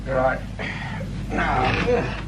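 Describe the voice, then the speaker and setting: A male actor with a mid-range, animated voice and drawn-out words plays a grumbling, sardonic British police sergeant in a radio drama. The corner-cutting character is full of world-weary asides, and there is heavy background noise.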